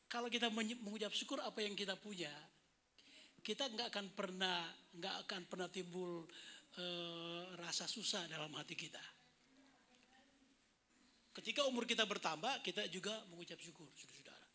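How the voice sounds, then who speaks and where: A man's voice: high voice, normal speed, bright, forceful tone. A man in his fifties preaching a thanksgiving sermon in a chatty, joking way, often calling out to the congregation. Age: 50s. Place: indoor service hall.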